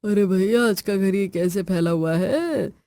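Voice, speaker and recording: A woman's voice: mid-range voice, a little slow, mellow, dry recording, natural voice. A woman voicing a tired older brother home from the office, mild and placating.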